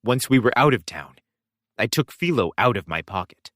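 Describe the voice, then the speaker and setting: Male first-person narrator, wry and expressive; animated delivery, dry. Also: mid-range voice, moderate pace, no echo. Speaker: audiobook reader.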